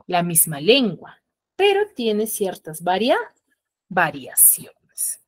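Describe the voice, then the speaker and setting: A woman teacher from the highlands, giving an online class and checking in with her students through frequent tag questions. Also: wildly swooping pitch, slow pace. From Peruvian highlands.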